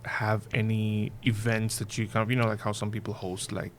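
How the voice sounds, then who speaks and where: A man's voice: lowish voice, little pitch movement, moderate pace, a little hiss or hum. Casual rambling podcast host, man. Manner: casual, with many fillers like "you know" and "like". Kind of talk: podcast interview.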